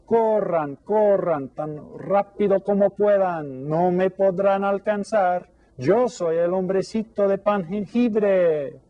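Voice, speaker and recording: A man's voice: fairly high pitch, slow, muffled recording, pitched above the performer's own voice. A man voicing a small, boastful runaway gingerbread man in a storybook read-aloud, in a sing-song, taunting way.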